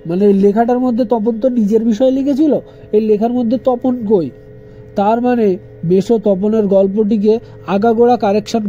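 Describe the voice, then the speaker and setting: A man's voice: high voice, mellow, dull audio. A man tutoring students, reading a story aloud and then repeating and explaining each line. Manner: reads a passage, then repeats and explains it, telling students to underline. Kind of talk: explaining a literature lesson to students.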